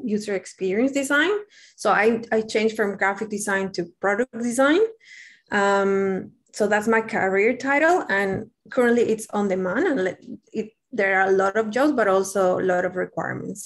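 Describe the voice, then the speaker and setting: A woman's voice: mid-range voice, moderate pace. Young peruvian woman, spanish accent, chatty and frank guest, pokes fun at herself. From Peru. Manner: candid, chatty, self-deprecating. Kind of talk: casual interview chat.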